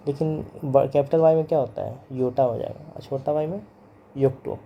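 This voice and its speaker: A man's voice: mid-range voice, fairly even intonation, normal speed, gravelly, lo-fi sound, a little hiss or hum. A man teaching physics in a lecture, repeating each term and its pronunciation over and over, mixing English terms into his Hindi. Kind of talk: classroom lecture.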